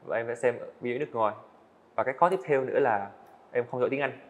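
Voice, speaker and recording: He's eighteen, an animator appearing as a podcast guest, and he speaks quickly in a mid-range voice. Earnest and candid, he sometimes restarts hesitantly as he tells his story, captured in an indoor studio with dull lo-fi audio.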